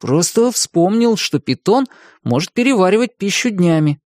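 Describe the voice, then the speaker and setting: A woman's voice: medium pitch, very animated, a little mellow, dry recording, pitched above the performer's own voice, natural voice. Woman voicing a hot-tempered young boy. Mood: eager. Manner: raised, quick-tempered and demanding.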